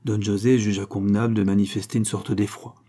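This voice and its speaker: A man narrating a classic novel as an audiobook, in a measured, unhurried way. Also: lowish voice, flat delivery, warm tone.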